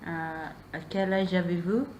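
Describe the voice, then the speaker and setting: A young student interviewer who learned Malay first asks questions haltingly, leaning on fillers and repeating answers. Her lowish voice is fairly even, a little slow and a little mellow, with slight background noise.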